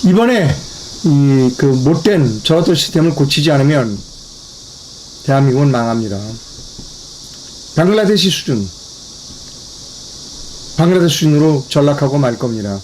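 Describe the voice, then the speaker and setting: A man's voice: mid-range voice, lively intonation, brisk, a little mellow, slight background noise. Emphatic Korean man hosting commentary. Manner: emphatic, repeating key phrases, addressing viewers directly. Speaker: commentary channel host. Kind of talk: political commentary broadcast.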